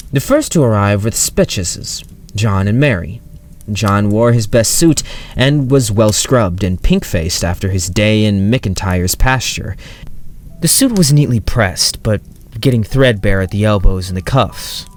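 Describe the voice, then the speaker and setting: Low-voiced man narrating a horror story. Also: a little hiss or hum. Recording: distant mic with soft music.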